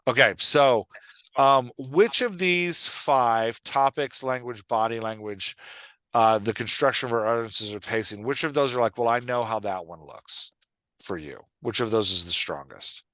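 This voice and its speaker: A podcast host and writing coach explains things conversationally and instructively, thinking aloud and checking that listeners understand. His mid-range voice is bright and forward, moving at a moderate pace, and the recording is close and dry.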